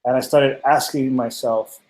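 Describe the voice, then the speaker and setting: Man, 40s, from Hawaii, earnest webinar testimonial, middle pitch, echoey home-office sound. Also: steady tone, a little slow, darkish tone. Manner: earnest, many fillers and restarts. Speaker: panel guest.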